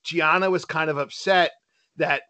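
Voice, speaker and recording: A middle-aged man chats casually as a podcast co-host. His voice is bright and a touch high, and he tells stories in an animated way with frequent laughs. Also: measured pace, smooth. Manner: animated storyteller, laughs often. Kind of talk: casual chat.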